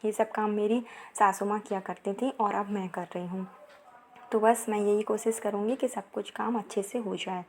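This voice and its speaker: Outdoors on her house's rooftop, a young woman holds her phone and chats casually about her home, wandering off topic with lots of fillers. Her voice is mid-range and darkish, with moderate pace and fairly even intonation, in a noisy outdoor recording.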